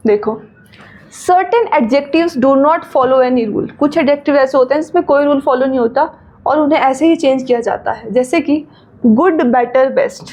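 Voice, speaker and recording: An Indian woman teaching grammar, reading rules slowly in English, then explaining in Hindi and asking checking questions. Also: sits high, darkish tone, lo-fi sound.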